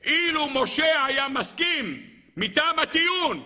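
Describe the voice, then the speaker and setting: With an extremely high pitch, a male rabbi gives a spirited Torah lecture, full of rhetorical questions and direct appeals to his listeners.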